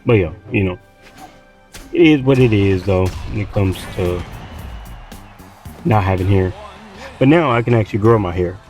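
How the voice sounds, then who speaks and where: A man's voice: lowish voice, normal speed, long pauses, a little mellow, soft background music. A man from Texas with a Southern accent, tired from little sleep, rambling casually with lots of fillers and restarts while playing a game. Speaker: gaming streamer.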